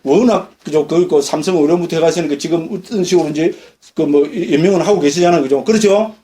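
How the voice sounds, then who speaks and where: A middle-aged man, a Buddhist monk, giving a lively dharma lecture and asking his listeners questions. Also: fairly high pitch, a little fast. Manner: lively, questions the audience often. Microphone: lecture recording.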